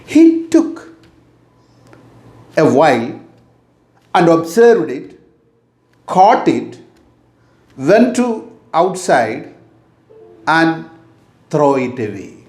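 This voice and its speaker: A middle-aged man with an Indian English accent giving a motivational talk, slow and deliberate, repeating his key phrases. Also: a little high, sing-song, darkish tone. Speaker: motivational teacher. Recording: echoey room.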